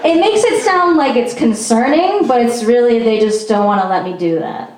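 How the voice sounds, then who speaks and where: A young Peruvian comic chats through a self-mocking stand-up set, frequently saying "um", in a small venue recorded from afar with echo. Her voice is on the high side, expressive and a little mellow, at a normal speed and far from the mic.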